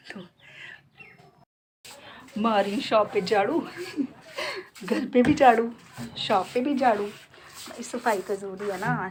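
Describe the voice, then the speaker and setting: A middle-aged woman with a Jammu accent, a beauty salon owner chatting casually and heartfelt in her vlog. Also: mid-range voice. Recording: noisy background.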